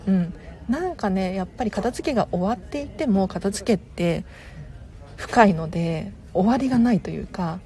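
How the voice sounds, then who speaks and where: A woman hosting a live stream as a tidying consultant, chatting politely and casually with viewers, laughing softly now and then. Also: mid-range voice.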